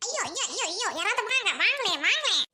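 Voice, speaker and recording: A woman voicing a loud, scheming young bride who scolds and wails in a family skit. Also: expressive, slight background noise, exaggerated voice. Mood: wailing. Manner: shrill, scolding, quick to wail. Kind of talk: Tamil family skit acting.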